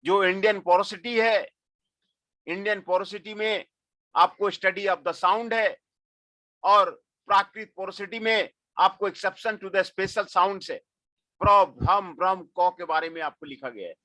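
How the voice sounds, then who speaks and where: A man's voice: sits high, fairly even intonation, slow, pushed and bright, no room sound. A middle-aged man giving a classroom lecture, mixing Hindi and English and repeating his phrases. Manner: mixes Hindi and English, repeats phrases, frequent filler "aapko".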